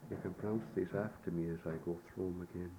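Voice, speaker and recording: A man teaching pronunciation on an old tape recording, speaking in a slow, measured way and repeating words for the listener to echo. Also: low-pitched, steady tone, noisy background. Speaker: language teacher.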